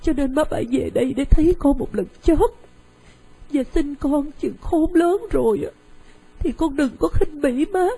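A remorseful mother, breathy and halting. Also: medium pitch, lively intonation, mellow, poor audio. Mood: tearful pleading. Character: remorseful young mother who abandoned her child, tearful. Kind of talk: radio drama acting.

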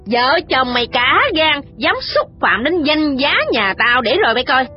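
A woman voicing a domineering older landlady who berates and shouts. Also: high-pitched, lively intonation, normal speed, soft background music, voice pushed up. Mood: furious. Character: domineering older landlady, quick-tempered, scolding. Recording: dull lo-fi recording.

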